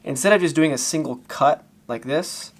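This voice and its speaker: A man giving a casual, loosely improvised card-trick tutorial in magician patter, talking informally to viewers with a gravelly voice. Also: on the high side, moderate pace. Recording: faint background noise.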